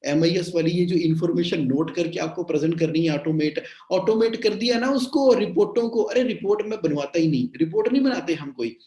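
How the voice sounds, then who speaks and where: A man coaching business owners in a live online session, animated and repeating his phrases, mixing English into his talk. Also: high-pitched, roomy sound. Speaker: cash flow coach.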